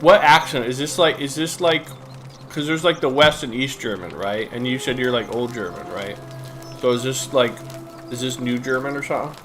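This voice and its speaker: A man's voice: medium pitch, normal speed. A young man streaming a game, talking casually with lots of fillers and swearing. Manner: rambling, profane, many fillers. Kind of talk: casual live-stream commentary. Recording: stream audio with game music. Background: game music.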